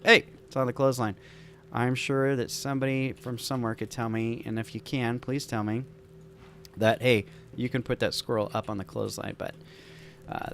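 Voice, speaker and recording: A man with a mid-range voice and vocal fry casually talks through building a game scenario, with a little hiss or hum in the recording. It's gameplay commentary where he thinks aloud and drifts into enthusiastic, rambling asides.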